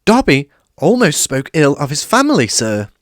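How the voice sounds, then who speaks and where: A man voicing a small, servile and tearful male house elf who talks about himself by name in a high, excitable way. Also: moderate pace, no echo, clean studio sound. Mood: earnest.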